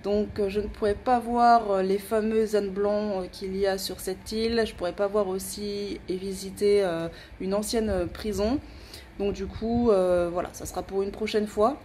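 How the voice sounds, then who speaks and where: A woman's voice: medium pitch, fairly even intonation, moderate pace, mellow. A young woman hosting a casual travel vlog outdoors, speaking with many hesitant filler sounds. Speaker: travel vlogger. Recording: outdoor camera audio with background noise.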